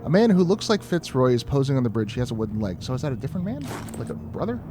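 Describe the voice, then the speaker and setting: A man's voice: medium pitch, very animated, rapid-fire, background noise. A man giving casual gameplay commentary, rambling, chatty and profane. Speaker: streamer.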